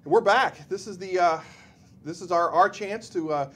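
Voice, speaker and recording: Husky-voiced animated man. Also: high-pitched, normal speed. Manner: animated and jokey, with fillers and restarts. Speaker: co-host, web producer. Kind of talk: casual music chat.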